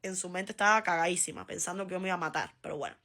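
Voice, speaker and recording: A Cuban woman vlogger telling a funny personal story in a lively, animated way, laughing and acting out voices. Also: lowish voice, very fast. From Cuba. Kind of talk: casual storytime.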